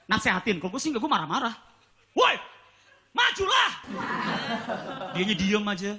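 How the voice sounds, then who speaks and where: Animated man doing stand-up, lively pitch. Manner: animated storytelling, acts out quoted voices, laughs along. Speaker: stand-up comedian. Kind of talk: stand-up comedy routine. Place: TV studio stage with live audience. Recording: live studio audience and room noise.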